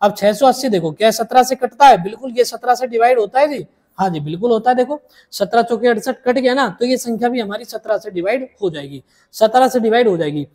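Male maths teacher, patient and repetitive, slows down to spell out each step for the class. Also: very high-pitched, darkish tone. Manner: repeats each step slowly, addresses students as dear children. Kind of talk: blackboard maths lesson.

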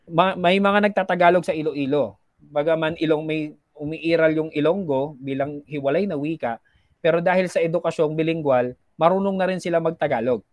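A man's voice: on the high side, a little fast, dry recording. Upbeat male teacher, dry close sound. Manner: explanatory, with lively put-on regional voices. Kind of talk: recorded classroom lecture.

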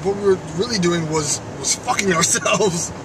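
A man's voice: sits high, moderate pace. A man in his twenties chatting casually for a vlog, rambling and weary, swearing freely. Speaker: video creator, vlogger. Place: inside a car. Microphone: camera in the car, off from the mouth. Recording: noisy car interior, distant mic.

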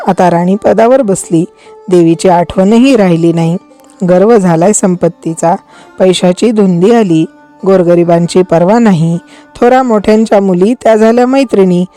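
A woman reading a devotional story aloud and voicing a poor, proud old woman who scolds slowly and bitterly, with soft music behind. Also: mid-range voice, close to an everyday voice. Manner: slow, scolding.

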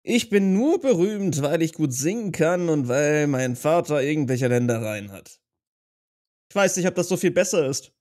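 A man's voice: a little high, expressive, normal speed, a little mellow. A man playing his knight character in a tabletop role-play, talking in a reflective, hesitant way. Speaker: player.

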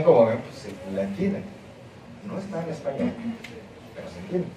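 A man giving a university lecture, explaining emphatically and checking in with the audience as he goes. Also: mid-range voice. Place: lecture hall. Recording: very echoey hall, mic far off, audience noise.

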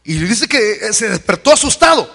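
A man preaching an evangelical sermon, fervent and repetitive, rising to shouted peaks. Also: sits high, sing-song, fairly quick, creaky, big-room sound. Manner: fervent, swings to shouted peaks, repeats calls to convert.

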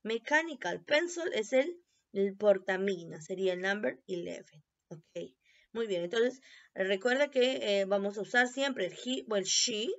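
A woman teacher giving a recorded review lesson, explaining in Spanish and repeating English phrases slowly for pronunciation. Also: mid-range voice, lively intonation. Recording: dull lo-fi recording.

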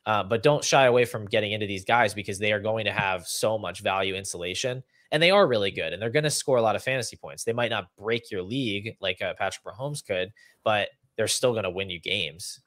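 A young adult man hosts a fantasy football podcast from a small room at home, speaking conversationally and analytically as he explains figures and runs through lists. His voice is fairly low and fairly bright, moving at a brisk clip with few pauses. Recorded on a video call setup, it still has studio quality with no room sound.

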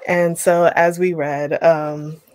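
Reading a passage aloud before explaining it with unhurried pauses, a young woman hosts an online writing workshop over a video call. Her voice sits low, and the webcam audio carries no echo.

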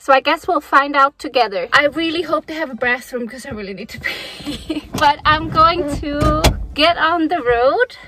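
Chatty high-voiced woman vlogger. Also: fairly bright tone, no room sound. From Denmark. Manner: chatty and enthusiastic. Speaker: travel vlogger. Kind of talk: casual vlog narration to camera.

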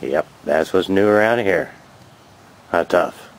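Speaking slowly in a low voice, a vlogger in his fifties rambles cheerfully through his finds in an outdoor show-and-tell by his garage, filmed on a handheld camera. The audio quality is poor.

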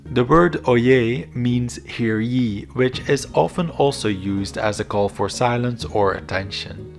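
A man's voice: mid-range voice, slow, vocal fry. Man narrating history over music. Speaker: video narrator. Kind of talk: scripted educational history narration. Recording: background music under voice. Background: instrumental music.

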